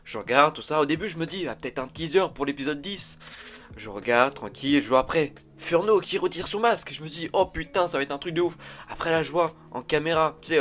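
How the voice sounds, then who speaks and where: A young man talks off the cuff in a vlog, rambling from one thought to the next. He gets excitable and swears freely, and faint music runs low beneath his voice. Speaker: YouTuber. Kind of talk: unscripted casual vlog talk.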